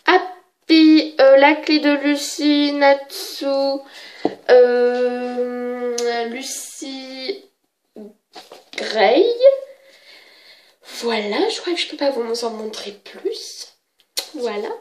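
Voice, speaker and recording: Speaking extremely slowly with long pauses, a high-voiced woman who has a cold presents her manga collection in a casual show-and-tell. She hesitates a lot, leaning on fillers and correcting herself.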